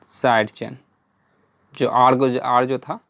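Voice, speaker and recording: A man's voice: medium pitch, flat delivery, takes it slowly, gravelly, a bit bright, dry recording, clean studio sound. A man teaching a lesson in a patient way, drilling lists and spelling out letters while he keeps asking "right?" and "okay?". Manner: patient, repeats "है ना" and "ठीक है" often. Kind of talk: whiteboard lesson.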